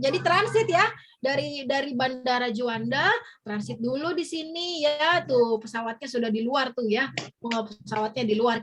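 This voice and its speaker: A woman's voice: high-pitched, fairly bright tone. A woman teacher leads young children on a virtual field trip over a video call. She sounds cheerful and coaxing, and ends nearly every phrase with a questioning "ya". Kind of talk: online lesson for young children. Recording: noisy online call audio.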